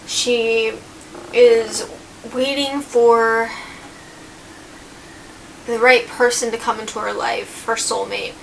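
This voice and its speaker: A young woman vlogging casually, telling a story while she eats, in an unhurried, chatty way. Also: a little high, steady tone, gravelly, recorded from a distance, a little hiss or hum, rough recording.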